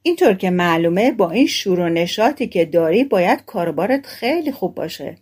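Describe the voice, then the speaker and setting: A woman's voice: lowish voice, sing-song, a little mellow, husky. A woman reading the part of a gullible, cheerful young peasant man in a storybook tale. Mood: eager. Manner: gullible, delighted exclamations.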